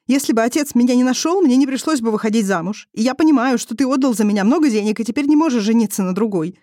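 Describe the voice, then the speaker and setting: A reader voicing a young woman who talks through tears, with a trembling but loud, defiant voice. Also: mid-range voice, fast talker, no echo, clean studio sound, pitched above the performer's own voice, close to an everyday voice. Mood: earnest. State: crying. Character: young tearful stubborn woman, student wife.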